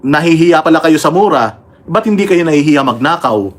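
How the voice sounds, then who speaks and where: A man's voice: on the high side, expressive, a little fast. Combative Filipino man ranting on a livestream. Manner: combative, mocking, thanks members and reads comments aloud. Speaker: political livestream host. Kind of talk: casual political commentary livestream.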